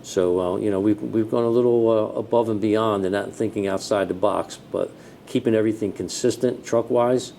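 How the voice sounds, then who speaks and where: A middle-aged fire chief from New Jersey answers interview questions in a plain-spoken, matter-of-fact, conversational manner. His voice is gravelly and moderately paced, with steady background noise and a low rumble.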